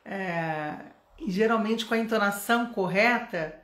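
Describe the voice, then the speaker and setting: A woman's voice: mid-range voice, measured pace, fairly bright tone. A middle-aged Brazilian woman teaching English in a live online lesson, chatty and coaxing, often asking the viewer questions. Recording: roomy echo.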